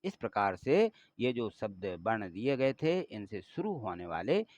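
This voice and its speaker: A male teacher patiently explaining workbook exercises, repeating and spelling out words slowly for students. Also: on the low side, big pitch swings, darkish tone, dry recording.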